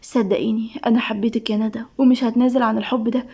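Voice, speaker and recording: A woman narrator puts on a cocky young man from an Egyptian office story, soft-spoken and teasing. He talks fast and keeps a slightly raised pitch for a man. His Egyptian accent colors every line. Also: level tone, slightly rough. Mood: tender. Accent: Egyptian Arabic.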